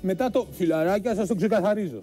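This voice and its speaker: A man's voice: high voice, warm tone, faint music behind, close to an everyday voice. A man playing a nervous, whiny sidekick who keeps pleading with the host not to swear and threatening to leave. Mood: explaining. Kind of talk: comedy sketch.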